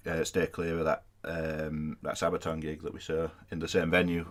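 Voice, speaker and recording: Low-voiced english guy, laid back, dry jokes on a podcast. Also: completely flat delivery, normal speed. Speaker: podcast co-host. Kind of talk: casual chat.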